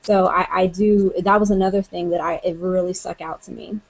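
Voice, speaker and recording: On a low-quality recording, a college staff member appears as a guest and talks earnestly about a social media guide, leaning on fillers like "you know" and "um." Her voice is fairly low and fairly even, and she speaks fairly quickly.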